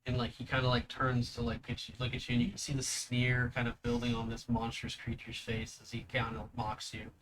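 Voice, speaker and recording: A man narrating a tabletop role-playing game as game master, telling the story deliberately with dramatic pauses. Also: mid-range voice, monotone, fairly bright tone, a little hiss or hum, low-quality recording.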